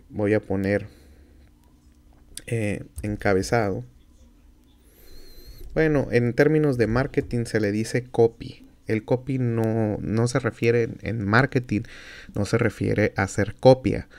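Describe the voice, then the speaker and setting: A man with a Mexican Spanish accent teaching a software tutorial as a university instructor, explaining each step aloud with fillers and self-corrections. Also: on the low side. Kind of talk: screen-recorded software tutorial.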